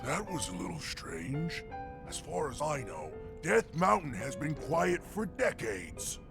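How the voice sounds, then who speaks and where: A big, hearty rock-giant warrior from a video game cutscene, boastful and friendly. His voice is gravelly and pitched a little high, bouncing lively up and down as he teases. Game music plays behind him. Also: slow, exaggerated voice. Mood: puzzled. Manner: jovial, boastful, teasing.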